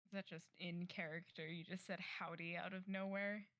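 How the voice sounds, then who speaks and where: A woman's voice: fairly low pitch, little pitch movement, moderate pace, fairly bright tone, no room sound, studio quality. A woman streaming a tabletop game, chatting casually with her fellow players and laughing often. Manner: chatty, giggly, playful. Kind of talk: casual chat.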